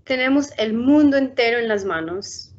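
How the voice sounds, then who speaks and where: A woman around thirty who hosts a children's program and outreach storytime reads a picture book over a video call for a bilingual children's book reading. Her voice is fairly high and her pace fairly quick, yet she reads slowly and calmly. The laptop webcam gives muffled video call audio.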